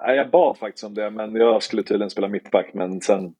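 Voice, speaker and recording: A man's voice: fairly low pitch, dark tone, breathy edge, lo-fi sound. A man from northern Sweden, a former footballer, chatting casually and laid-back as a podcast guest. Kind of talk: casual chat.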